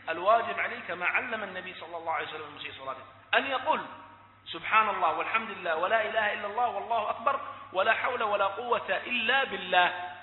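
A man, a religious scholar, giving a lesson, explaining point by point, repeating key phrases and checking that listeners follow. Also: sits high. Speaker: Islamic scholar teaching. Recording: echoey hall, tinny phone-like sound.

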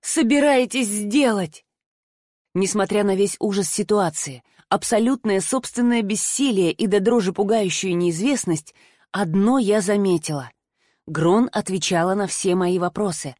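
A woman narrating a first-person audiobook in an expressive reading voice. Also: mid-range voice, moderate pace, no echo, studio quality.

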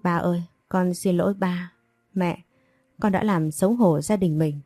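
A woman's voice: lowish voice, unhurried, warm tone, dry recording, faint music behind. A woman reading as a frightened, pleading young woman. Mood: pleading remorse. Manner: pleading, tearful.

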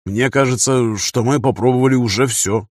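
Male narrator as a stubborn gym-teacher hero, plain spoken, mid pitch, dry close sound. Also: normal speed, no room sound, close to an everyday voice. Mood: uncertain.

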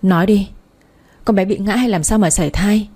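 A woman's voice: medium pitch, moderate pace, dark tone, lightly acted. A woman voicing a distraught middle-aged mother. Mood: insistent. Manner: choked, anxious.

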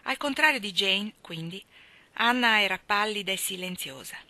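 Bright-voiced woman reading a novel aloud. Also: medium pitch, normal speed, no room sound. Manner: expressive, voices the dialogue with rising excitement. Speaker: reader.

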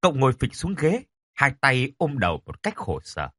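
A man narrating a horror story in a dramatic, expressive way. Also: medium pitch, moderate pace, slightly rough, dry recording, clean studio sound.

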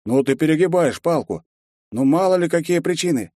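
A man's voice: a little high, expressive, brisk, warm tone, dry recording, clean studio sound, pitched above the performer's own voice, close to an everyday voice. A man voicing a stern male lizard guard in an audiobook, scolding in an indignant manner. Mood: reproachful.

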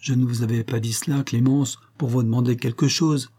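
A man's voice: mid-range voice, fairly even intonation, brisk, mellow, slightly rough, natural voice. A man reading an audiobook voices a simple, honest young peasant man who speaks politely and plainly. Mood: earnest. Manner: earnest, plain-spoken.

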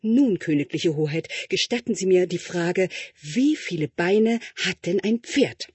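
Man doing a high, fawning royal tutor. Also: slightly rough, dry recording, full character voice. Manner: obsequious, flattering, high and drawn-out.

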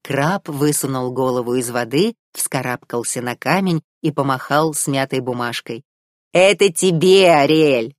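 A woman narrating a children's storybook in an expressive way. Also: rumbling low, normal speed, few pauses, no room sound, studio quality. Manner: expressive, rising and falling. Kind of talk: storybook reading.

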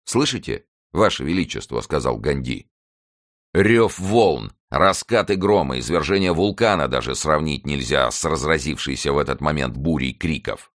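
Very deep-voiced male audiobook narrator. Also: lively intonation, moderate pace, fairly bright tone. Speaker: audiobook reader. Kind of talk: scripted narration.

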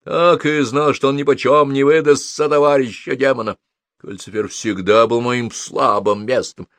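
A man voicing a vain, cowardly young wizard who shouts orders, in a storybook reading. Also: mid-range voice, fairly even intonation, moderate pace, no echo, pitched above the performer's own voice, lightly acted. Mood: shouting. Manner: shouting, commanding.

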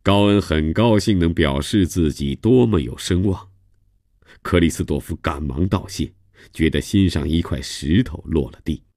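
Deep-voiced male storyteller. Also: no room sound, studio quality. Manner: steady, measured storytelling. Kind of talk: scripted novel narration. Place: radio studio.

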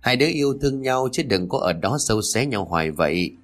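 An old mother-in-law, calm and firm, who talks in a steady, motherly way, as a man reads her part. She is told in a storybook manner with a lively rise and fall. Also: on the low side, brisk. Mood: soothing.

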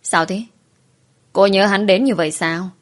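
A woman's voice: mid-range voice, unhurried, natural voice. A woman voicing an angry, domineering man who is an underworld boss, speaking harshly and accusingly. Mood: jealous.

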